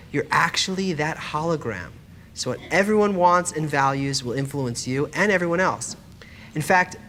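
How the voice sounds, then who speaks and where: With background music and slight background noise, a man with a fairly high, somewhat bright voice gives an explanatory spiritual lesson as a lecturer. He keeps it conversational though scripted, posing rhetorical questions straight to the listener.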